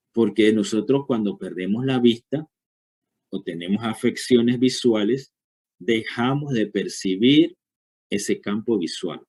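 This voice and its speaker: A man's voice: fairly low pitch, darkish tone, breathy edge. A man giving a university lecture, explaining step by step and checking understanding with frequent short questions.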